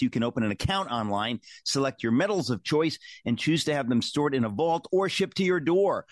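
A man's voice: medium pitch, no echo, clean studio sound. A man speaking as a talk radio host.

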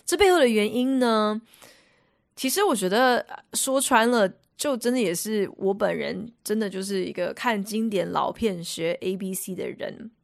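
A woman's voice: mid-range voice, normal speed, creaky, no room sound. A woman radio host giving a chatty, explanatory lesson on English phrases and films, recorded in a studio.

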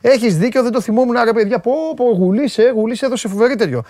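High-voiced man hosting casual sports talk. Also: darkish tone, dry recording, clean studio sound. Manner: chatty, joking, repeats words for emphasis. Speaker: sports show host.

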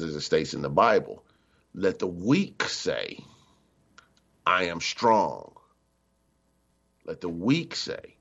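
On what sounds like a slightly dull radio broadcast, a middle-aged minister with a very deep voice gives a loose, conversational spiritual teaching. He presses hard on the points he wants to drive home and takes on other people's voices whenever he quotes them.

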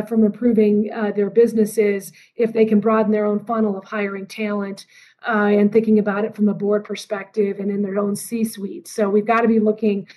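A woman's voice: mid-range voice, darkish tone, poor audio. A woman giving unscripted remarks as a panelist.

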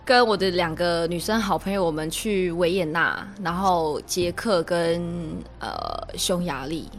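A woman's voice: lowish voice, unhurried, faint music behind. Giggly woman guest telling travel stories. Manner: giggly, animated storytelling. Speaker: podcast guest. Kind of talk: casual chat.

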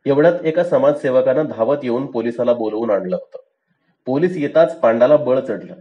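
A man narrating a short story aloud in a measured, dry storytelling manner. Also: medium pitch, lively intonation, muffled recording. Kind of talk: storybook reading.

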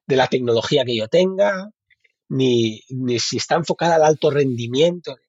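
A man's voice: medium pitch, animated, normal speed, a little mellow, husky, no room sound, lo-fi sound. A man from Spain with a Spanish accent, a bike fitting expert talking keenly in an interview, often repeating and restarting words. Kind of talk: casual interview talk.

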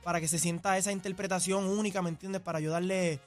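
A quick, high-voiced young man, talking as a guest on the radio. He is playful and jokes as he speaks, and faint music plays underneath. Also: steady tone. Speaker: salsa singer guest. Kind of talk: casual radio interview.

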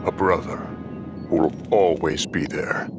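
A man voicing a stern, humorless but loyal warship admiral in an audio drama, speaking in a formal, pompous, deliberate way. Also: low-pitched, steady tone, over music. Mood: proud, deadpan. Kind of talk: audio fiction drama acting.

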